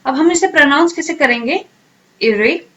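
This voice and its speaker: A woman teaching English vocabulary in a drill lesson, asking each question and then answering it, and sounding words out slowly syllable by syllable. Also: sits high, expressive, fairly bright tone, muffled recording. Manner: repeats questions and answers, slow drilled pronunciation.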